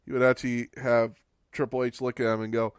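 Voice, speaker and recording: A man's voice: mid-range voice, level tone, a little fast, clear, resonant tone, dry recording, studio quality. A man hosting a podcast, giving a casual, wry recap of old wrestling matches and swearing for laughs. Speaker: podcast host.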